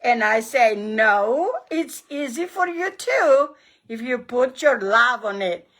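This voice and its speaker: A woman's voice: on the high side, expressive, slow pace, fairly bright tone. A woman with a Greek accent leading a hands-on recipe demonstration as a cooking host, encouraging and emphatic, often repeating her phrases.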